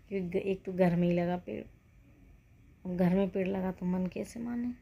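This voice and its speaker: Woman in her 30s rambling to her viewers, kinda gravelly, flat delivery, lo-fi hissy audio. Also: medium pitch. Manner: chatty, rambling, drops to a whisper at times. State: unwell with joint pain. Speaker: vlogger. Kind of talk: casual vlog chat.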